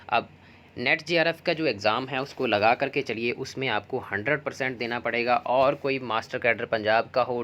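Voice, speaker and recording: A man's voice: mid-range voice, fairly bright tone. A man teaching an exam preparation lesson, explaining points patiently with mnemonics and examples. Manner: explanatory, uses mnemonics and stories. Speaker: Hindi exam coaching teacher. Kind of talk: classroom-style exam prep lesson.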